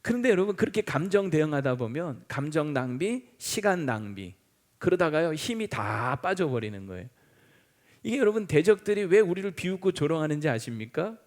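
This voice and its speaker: A man's voice: fairly high pitch, very animated, fairly quick. A middle-aged male pastor preaching a sermon, emphatic, quizzing the congregation with call-and-response questions. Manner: acts out taunts in mocking quoted voices. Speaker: senior pastor.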